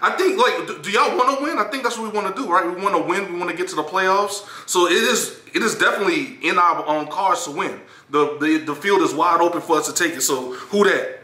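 A man in his thirties giving a hopeful take on his team in a casual living-room reaction, halting with many fillers. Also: sits high, sharp tone, echoey room. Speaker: show regular and guest. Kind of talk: casual sports reaction talk.

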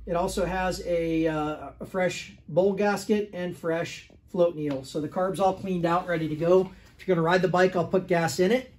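Higher-voiced man walking through a workshop bike. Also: fairly even intonation, moderate pace, hardly any pauses, a little mellow. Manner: plain, matter-of-fact listing of details with fillers. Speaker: restoration shop owner selling a motorcycle. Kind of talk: casual product walkaround. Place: indoor motorcycle workshop.

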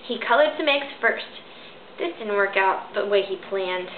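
Sitting indoors in a bedroom, a storybook reader in her thirties performs a children's picture book with lively expression and high-pitched character voices, moving at a moderate pace. The front-facing camera captures echoey, thin, phone-like audio along with some background noise.

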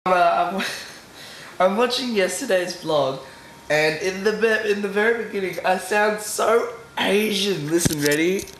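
A man's voice: sits high, a little slow, a bit bright. Stuffy-nosed young man vlogging at home. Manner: rambling, chatty, laughs often. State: stuffy nose and sore throat. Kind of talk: casual video diary. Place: at home, indoors. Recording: echoey room with background noise.

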